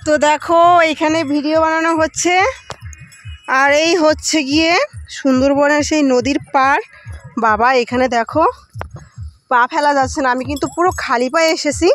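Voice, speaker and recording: Woman, young, high-pitched, chatty vlogger, talks to viewers, outdoors by a river. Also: steady tone, moderate pace, long pauses, faint music behind. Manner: chatty, talks straight to viewers while walking. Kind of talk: casual travel vlog.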